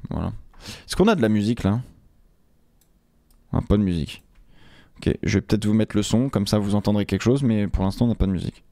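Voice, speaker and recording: A man's voice: fairly low pitch, expressive, brisk, long pauses, warm tone, dry recording. Rambling male streamer, dry mic. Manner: rambling, hesitant, many fillers and restarts. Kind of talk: casual live-stream chat.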